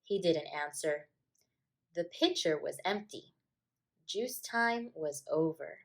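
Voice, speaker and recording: This woman teacher has a deep voice and reads a picture book for children aloud. She tells the story deliberately and with plenty of expression.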